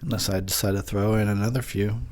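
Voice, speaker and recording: A man's voice: fairly low pitch, steady tone, fast, a little mellow, a little hiss or hum. A drunk man hosting a podcast, rambling through profane movie commentary into a pop-filtered mic and laughing at his own jokes.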